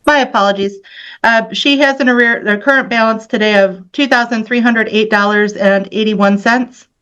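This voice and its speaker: A woman's voice: fairly high pitch, steady tone, normal speed, fairly bright tone, muffled recording. A woman working as a court case officer, reading out figures in a matter-of-fact way.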